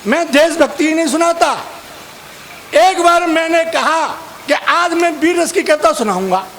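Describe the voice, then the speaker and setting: A man performs as a stage comic poet, teasing the audience as he chats between sung verses. His voice sits very high and he takes his time over each line. Faint crowd ambience hangs behind the stage mic. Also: animated, a little slow, fairly bright tone, a little hiss or hum. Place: outdoor poetry gathering stage.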